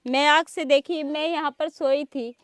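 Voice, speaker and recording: A woman's voice: high-pitched, fairly even intonation, unhurried, dry recording. A woman gives a tearful, pleading account to a reporter. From eastern Uttar Pradesh. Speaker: interviewee, complainant. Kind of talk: emotional spoken account.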